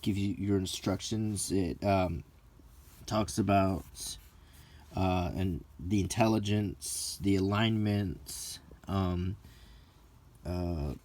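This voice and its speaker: A man in his 40s or 50s hosts a hobby video, reviewing something in a casual, hesitant and unscripted way that feels almost like ASMR. His voice is low-pitched, slow and a little mellow as he muses aloud.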